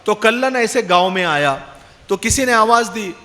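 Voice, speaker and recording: Man, preacher, lively storytelling sermon, high voice. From Pune, India. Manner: lively storytelling, quizzing the audience. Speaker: Islamic preacher. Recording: long hall reverb.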